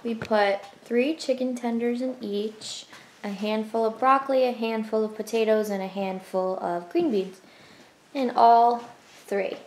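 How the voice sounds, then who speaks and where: A woman's voice: on the high side, steady tone, measured pace, a little mellow. A cheerful young woman hosting a casual cooking demonstration in her home kitchen, explaining each step plainly. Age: young adult. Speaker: cooking channel host. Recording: roomy kitchen echo, faint noise.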